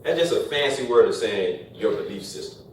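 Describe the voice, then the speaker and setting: A man's voice: mid-range voice, animated, moderate pace. A man gives a casual motivational talk to a classroom of college students, joking and asking rhetorical questions. His voice is picked up from a distance, so it sounds far off in a very echoey room with a faint hiss underneath. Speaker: speaker addressing college students.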